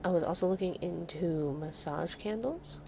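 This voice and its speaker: This nasal-voiced woman streamer talks at normal speed in a fairly low register, chatty one moment and softly whispering the next during a casual late-night stream. Her breathy whispers fall between asides, captured on a close streaming microphone that adds some hiss.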